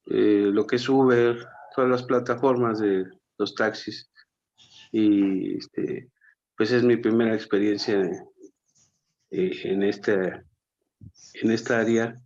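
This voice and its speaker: Hesitant man, low voice. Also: a little mellow, highs cut off. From Mexico. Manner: hesitant, many fillers. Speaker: student. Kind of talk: class self-introduction.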